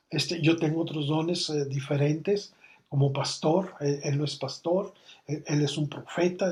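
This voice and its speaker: A man's voice: fairly high pitch, a little mellow. A middle-aged Mexican man, a pastor, teaching a church course in a conversational way, telling stories full of quoted dialogue. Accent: Mexican Spanish.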